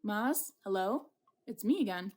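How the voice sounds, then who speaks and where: A woman's voice: medium pitch, normal speed, creaky, darkish tone. A woman voicing a wounded, lovestruck man with playful bravado in a dramatic visual novel reading.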